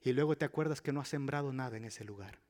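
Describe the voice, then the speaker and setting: A man preaching a sermon as pastor, acting out little dialogues, swinging from loud to a whisper. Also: medium pitch, fast. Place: church with a live audience. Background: soft piano.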